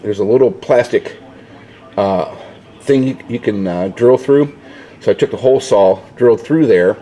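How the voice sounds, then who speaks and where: The audio sounds dull, but the man's lowish voice comes through warm at a normal speed. As host of a casual how-to vlog, he explains each step in a mildly salty, informal way, holding a handheld camera at a pickup truck inside his home garage.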